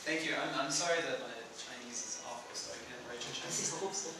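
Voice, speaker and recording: A man's voice: mid-range voice, brisk. A man leading a workshop informally, speaking in an encouraging, reassuring manner. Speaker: workshop facilitator. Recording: very echoey room, distant mic, loud noise.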